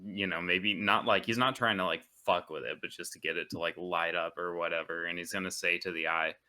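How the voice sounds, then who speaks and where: Deep, bright-toned male player. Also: fairly even intonation, a little fast. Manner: rambling, full of "like", describing his character's actions. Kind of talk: casual tabletop play.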